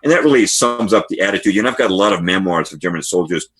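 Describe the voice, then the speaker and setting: A man's voice: low voice, animated, racing, a bit bright, slightly rough, soft background music. A man who is a guest author on a podcast interview, telling history as stories and reading passages aloud from books.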